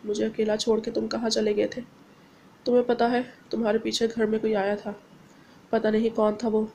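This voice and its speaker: A woman voicing a young blind wife who pleads tearfully and flares up quickly, read as part of a novel. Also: fairly high pitch, completely flat delivery, mellow, a little hiss or hum, natural voice. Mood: pleading.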